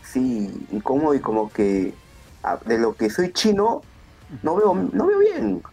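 A young man, a wrestler telling stories in a casual interview, his voice jumping up when excited. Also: slow pace, vocal fry, soft background music. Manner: animated storyteller, voice jumps high when excited. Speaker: pro wrestler guest.

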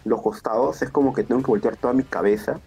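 A young man, a wrestler telling stories in a casual interview, his voice jumping up when excited. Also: fast talker, gravelly, husky. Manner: animated storyteller, voice jumps high when excited. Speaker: pro wrestler guest.

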